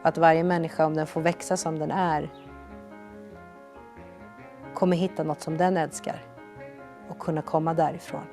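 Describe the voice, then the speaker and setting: A young woman with a low voice telling her own life story in an earnest, reflective way, raising her energy when she re-enacts quoted lines. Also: little pitch movement, long pauses, darkish tone, soft background music. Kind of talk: personal storytelling testimony.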